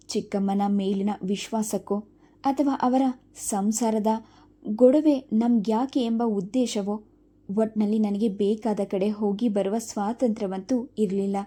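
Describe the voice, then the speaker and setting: Dark-voiced woman storyteller. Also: mid-range voice. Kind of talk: first-person story narration.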